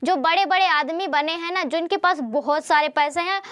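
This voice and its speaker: A woman's voice: very high-pitched, moderate pace, fairly bright tone, no room sound, clean studio sound. A woman teacher giving a chatty motivational study lesson, often repeating herself and asking rhetorical questions.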